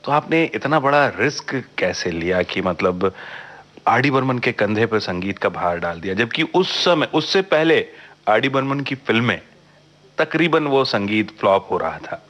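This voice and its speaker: Male radio interviewer with a low voice, polite and formal, asking long questions. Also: very animated, measured pace, fairly bright tone. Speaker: radio host.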